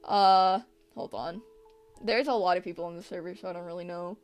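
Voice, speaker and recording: A young woman chats on her art stream, drifting from topic to topic and forgetting what she was saying. She swears freely and works herself up into animated, laughing rants. Faint music plays softly behind her. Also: fairly low pitch, a little fast, smooth. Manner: rambling, swears often, loses her train of thought. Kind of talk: casual live-stream chat.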